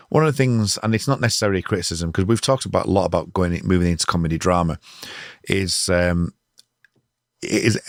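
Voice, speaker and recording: A man's voice: deep voice, dry recording, studio quality. A man hosting a podcast, chatting loosely and often correcting himself mid-sentence. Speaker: podcast host. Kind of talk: casual podcast interview.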